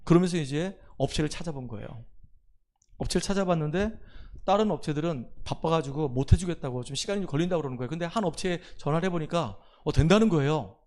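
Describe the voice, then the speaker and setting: A man's voice: on the high side, animated, fast. A middle-aged male pastor preaching a Sunday sermon in a church, telling a story in a conversational way and then rising to urge his listeners on. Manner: conversational storytelling, drops to a hush for quoted lines, then rises to exhort. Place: church sanctuary.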